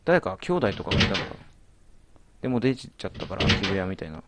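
A man talks through a horror game, his low voice leaping from startled outbursts down to quiet mutters. He sounds jumpy and chatty with himself. A noticeable hiss of background noise sits under the recording. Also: big pitch swings, quick pace. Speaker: let's play commentator. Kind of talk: game commentary.

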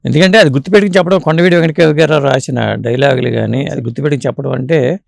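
A man hosts an interview, asking probing, conversational questions. His voice is gravelly, set at a middle pitch. The sound is dry and close. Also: very fast, no echo. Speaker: interviewer, host.

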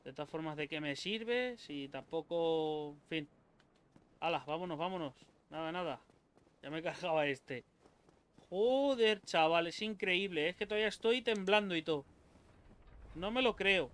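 A man from Spain with a Spanish accent, commentating his own gameplay in an excitable, swearing, talk-to-himself way. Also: on the high side, measured pace, clean tone. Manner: excitable, swears a lot, talks to himself and viewers. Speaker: gaming YouTuber.

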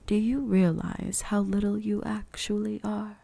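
In an intimate ASMR roleplay, a woman plays an ancient vampire huntress with a dark, breathy whisper roughened by gravelly fry. Predatory and seductive, she teases with amused condescension, holding a medium pitch and level tone at a slightly slow pace, fully in character.

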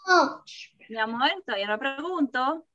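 A woman teaching a kindergarten class over a video call, asking slow, patient questions and praising the children. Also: high-pitched, lively intonation, pushed and bright, no echo. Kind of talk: online class with young children. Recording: dull, muffled video-call audio.

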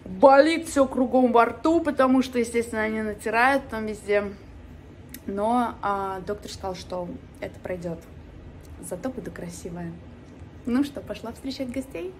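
A woman's voice: on the high side, normal speed. A woman in her thirties chatting playfully to a phone held at arm's length in an apartment, with a slight lisp that turns s toward sh. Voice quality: slight lisp, sh for s, from new dental aligners. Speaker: vlogger. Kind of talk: casual chat to camera. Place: apartment living room and kitchen. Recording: noisy handheld phone recording.

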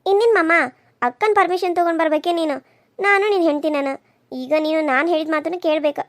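A woman's voice: extremely high pitch, fast. A woman voicing a scheming young second wife in a cartoon serial. She taunts and bosses the others around. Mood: bossy. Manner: taunting, bossy.

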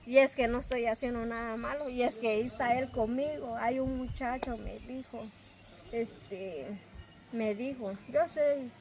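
A woman's voice: a little high, steady tone, measured pace, crowd noise, poor audio. A woman with a Guatemalan accent being interviewed, telling her story earnestly and at length, often quoting what others said to her. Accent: Guatemalan Spanish. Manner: earnest, rambling storytelling with quoted dialogue. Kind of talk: casual interview. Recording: outdoor recording with loud ambient noise.

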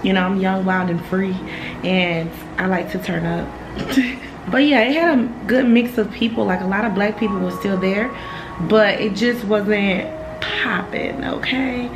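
A woman in her twenties from the United States chatting in a frank, slangy, unhurried way to her travel vlog. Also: mid-range voice, steady tone, music in the background, poor audio. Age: 20s. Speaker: travel vlogger. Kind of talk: casual vlog chat. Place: hotel bedroom or balcony.

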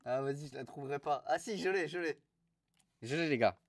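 A young man streaming live, mocking restaurant reviews in a crude, animated way. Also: a little high, fairly quick.

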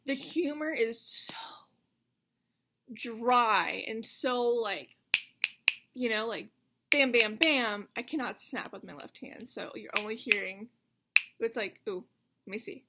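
A woman's voice: on the high side, fairly bright tone. An American woman in her twenties chatting in a rambling, self-mocking vlog style, her speech slightly slurred by the retainers she wears. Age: 20s. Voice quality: slight slur from wearing retainers. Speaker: vlogger. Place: carpeted bedroom at home.

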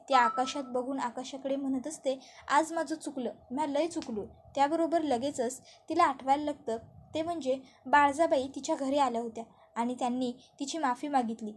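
High-voiced woman recapping a serial. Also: a little hiss or hum. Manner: brisk storytelling narration. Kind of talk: TV serial episode recap narration.

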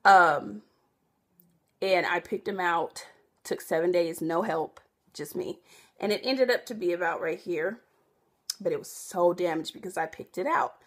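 A young woman vlogging in a casual, rambling way, often correcting herself and filling pauses with "um.". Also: on the low side, fairly bright tone. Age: young adult. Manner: rambling, self-correcting, chatty with many fillers. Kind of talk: casual chat to camera.

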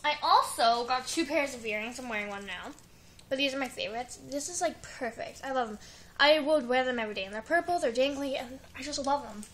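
High-voiced chatty girl vlogger. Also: fairly quick, fairly bright tone, slight background noise, poor audio. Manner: chatty, giggly, rambling with many likes. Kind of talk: casual haul video. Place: living room at home. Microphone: built-in webcam mic.

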